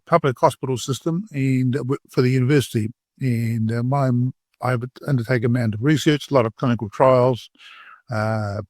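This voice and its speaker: A man's voice: medium pitch, a little mellow, no echo. A man in his sixties with a New Zealand accent, a surgeon interviewed about his work, speaking hesitantly with many fillers and restarts. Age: 60s. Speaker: colorectal surgeon, guest. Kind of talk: conversational interview.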